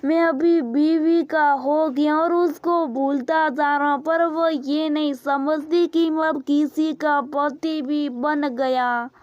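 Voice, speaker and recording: A woman voicing a young married son who pleads earnestly and slowly with his mother, for a storybook. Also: high-pitched, steady tone, a little mellow, no room sound, dull audio. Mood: pleading.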